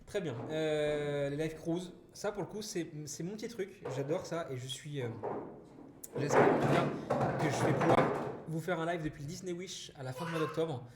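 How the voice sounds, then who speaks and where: A man's voice: fairly high pitch, moderate pace. A man hosting a casual live stream, chatting with viewers and reading their messages aloud, with many restarts and "voilà" fillers. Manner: chatty and warm toward chat, frequent restarts and "voilà". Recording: roomy echo with loud background noise.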